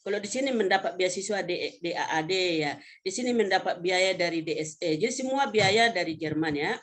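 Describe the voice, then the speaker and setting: Presenting a webinar, this vocational education professor, a North Sumatran woman in her fifties, walks through slides informally. Her speech is chatty, hesitant, and full of self-corrections, in a lowish, expressive voice.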